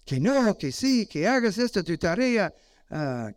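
A man's voice: high-pitched, very animated, slow pace, voice pushed up, heavily acted. A man voicing a nagging parent who scolds a child, in a sermon. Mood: scolding.

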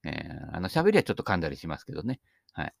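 A man's voice: a bass voice, sing-song, racing, gravelly, no room sound, studio quality. An older man missing his front teeth gives a casual, humorous, rambling monologue, chatty and self-deprecating. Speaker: speaker giving talks on Buddhist sayings.

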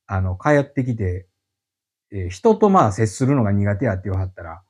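A middle-aged man with a Kansai accent, chatting as a podcast guest and explaining his work in an animated, storytelling way. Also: on the low side, fairly quick, breathy edge. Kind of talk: casual podcast chat.

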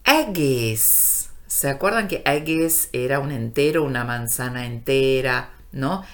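Slow, low-voiced woman teaching a language. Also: lively intonation. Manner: slow, deliberate, stretching out words for learners. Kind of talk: radio language lesson.

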